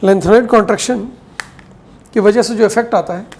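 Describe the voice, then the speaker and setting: A woman gives a chemistry lecture in a steady, explanatory voice. She often asks a question and then answers it. At times she slows right down to dictate definitions word by word, switching between Hindi and English. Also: medium pitch. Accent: Hindi-English mix. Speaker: chemistry teacher. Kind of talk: classroom lecture.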